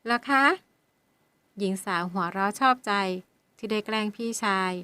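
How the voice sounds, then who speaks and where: A woman narrating a romance audiobook in a steady, even manner. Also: medium pitch, a little fast, no echo.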